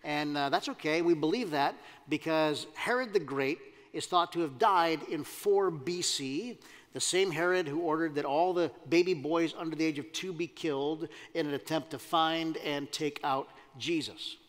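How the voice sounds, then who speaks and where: A man's voice: a little high, moderate pace. A man preaching a sermon as pastor, talking conversationally and putting questions to the congregation. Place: church sanctuary. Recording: long hall reverb.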